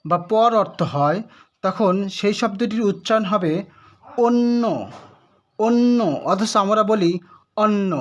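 A man teaching Bengali pronunciation to students, repeating each word slowly to drill it. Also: high-pitched, a bit bright. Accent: Bangladeshi Bengali. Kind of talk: pronunciation lesson.

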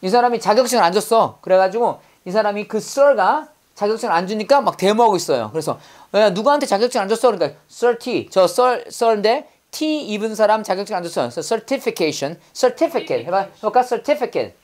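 A woman teaching English vocabulary, her mid-pitched voice rising and falling in lively swings. She drills the class with quick call-and-repeat prompts. She explains each word through playful memory tricks.

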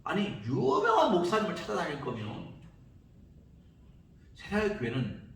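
A male pastor delivering a sermon, emphatic, swinging between loud high calls and quiet low lines. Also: wildly swooping pitch, moderate pace, slight background noise. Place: church sanctuary. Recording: echoey church sanctuary from far off.

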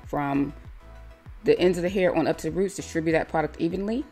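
Low-voiced woman calmly narrating a hair tutorial. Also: brisk, faint music behind. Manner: calm, step-by-step instructive. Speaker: hair stylist.

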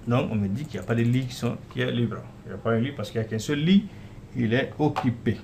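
A man giving a casual screen-recorded walkthrough of his clinic software, often saying "voilà" and "euh" as he clicks. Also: mid-range voice, fast talker, a little hiss or hum. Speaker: software developer demonstrating his app.

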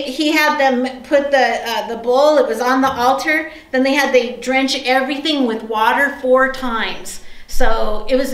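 Woman pastor chatting through a sermon, kinda high voice, lots of um and right, roomy echo. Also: a bit bright. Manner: conversational storytelling with many fillers and tag questions.

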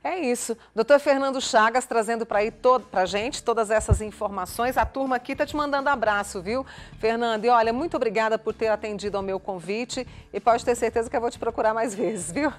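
A woman's voice: a little high, fairly quick, faint music behind. A woman hosting a live morning TV interview, friendly and often addressing her guest by name. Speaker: morning show host.

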